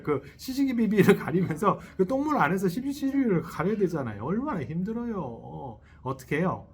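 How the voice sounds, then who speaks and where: A man's voice: fairly high pitch, a little hiss or hum. A man, a Buddhist monk, giving a dharma talk who keeps questioning his listeners and chuckles as he acts out inner thoughts. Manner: lively, asks the audience questions and checks in often; chuckles while acting out little inner voices. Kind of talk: sermon. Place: temple hall. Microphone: selfie-style camera.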